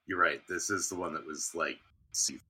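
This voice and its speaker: A man's voice: very deep voice, normal speed, pushed and bright, breathy edge. A man co-hosting a casual beer-review podcast over a remote call. He talks in a laid-back way and swears freely, and his audio cuts in and out with uneven volume. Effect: online call audio cutting in and out, uneven volume. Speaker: podcast co-host. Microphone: remote call recording.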